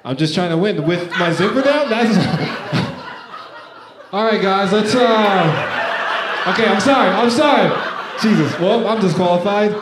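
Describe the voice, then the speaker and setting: A man's voice: sits high, animated, takes it slowly, very noisy. A young man doing a stand-up comedy set on a club stage, often laughing sheepishly at himself between jokes. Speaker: stand-up comic. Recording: echoey club with a laughing crowd. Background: audience laughter.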